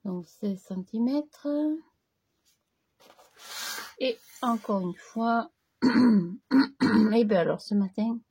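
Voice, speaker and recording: A woman hosting a crafting tutorial, chatting casually as she works, slightly hoarse and clearing her throat now and then. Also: a little high, mellow. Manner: slow, chatty, talks to herself while working.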